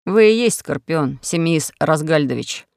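An earnest young hero speaking with firm resolve, as a man reading gives him voice. The tone is plain, with a gravelly edge. The sound is dry and close. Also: fairly high pitch, lively intonation, unhurried, darkish tone, no echo.

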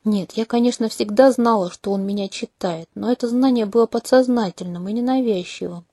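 A woman narrating a first-person romantic fantasy audiobook in an even, measured reading. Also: fairly high pitch, no room sound, studio quality. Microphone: close home mic.

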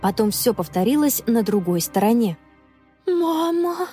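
A woman reads a children's adventure story with expressive, animated delivery. Her voice sits in a middle register and rises and falls vividly through the narration. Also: mid-range voice, moderate pace, soft background music. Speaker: audiobook narrator.

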